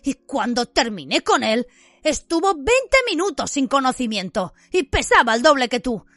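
A woman's voice: high voice, sing-song, moderate pace, a bit bright, no echo, soft background music, pitched above the performer's own voice. A woman voicing a taunting bully teen boy. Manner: taunting, then wailing in a mocking whine. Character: bullying teenage boy cousin, boastful and cowardly. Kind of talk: audiobook character voice.

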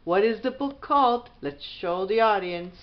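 A woman introducing a home video and gently prompting her child as he reads a story aloud. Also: mid-range voice, lively intonation, normal speed, highs cut off. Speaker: parent prompting a child reader.

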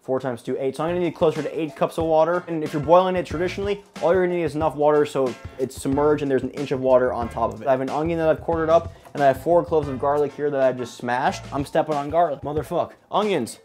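Male cooking-vlog host, quick fast patter, crude jokey humor, home kitchen. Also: a little high, darkish tone, faint music behind. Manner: joking and profane, chatty.

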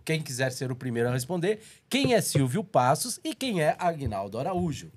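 A man's voice: a little high, very animated. A man in his sixties with a Brazilian accent, co-hosting a podcast in casual studio chat, joking and telling little stories into a desk microphone. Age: 60s. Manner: jokey, storytelling, quick to laugh. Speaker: podcast co-host. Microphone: desk microphone on boom arm.

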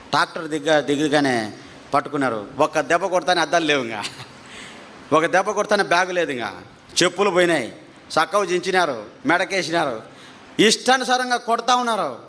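Telling his testimony as a story, a male preacher stays animated, repeats phrases for emphasis, and lets his pitch climb whenever the tension rises.

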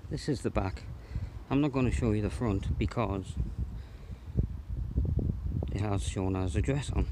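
A man's voice: lowish voice, measured pace, noisy background. A man from North East England, chatting bluntly in a sweary, casual vlog. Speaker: vlogger.

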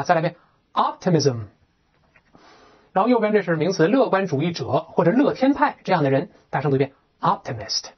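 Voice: medium pitch, breathy edge, highs cut off. An English teacher working through a textbook lesson, asking rhetorical questions and reading example sentences aloud. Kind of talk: explaining a textbook lesson in Chinese.

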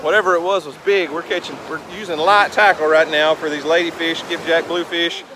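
A chatty man in his thirties narrates his fishing day to a handheld camera out on the beach. His voice sits a touch high. Faint wind and surf hiss behind him. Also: little pitch movement, fairly quick. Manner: upbeat, chatty, talks to camera. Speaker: fishing vlogger. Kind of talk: casual outdoor vlog. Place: windy beach outdoors. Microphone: handheld camera at arm's length.

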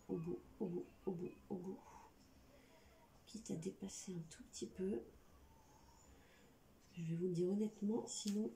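A woman's voice: medium pitch, mellow. Lisping woman giving a chatty craft tutorial. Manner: slight lisp on s sounds. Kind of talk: informal hands-on tutorial, chatty running commentary. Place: indoor room at a craft table. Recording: echoey room, faint background noise.

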